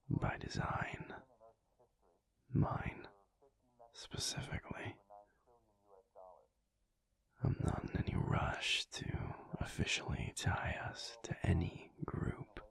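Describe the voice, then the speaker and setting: In an intimate audio roleplay, a man plays a calm, brooding alpha werewolf pack leader, speaking in a low, breathy, gravelly near-whisper. The heavily acted delivery is slow, pensive, and halting, with a serious, measured mood.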